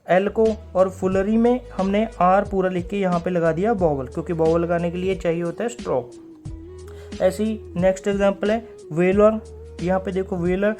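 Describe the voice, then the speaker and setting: A man teaching a recorded stenography class, explaining step by step, repeating key words and slowing down when he reads out rules. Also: high voice, darkish tone.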